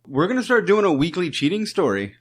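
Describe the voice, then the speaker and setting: A man's voice: sits high, big pitch swings, brisk. A man co-hosting a podcast, chatting casually and telling stories with jokes and swearing. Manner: profane, joking, storytelling. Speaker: podcast co-host. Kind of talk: casual chat.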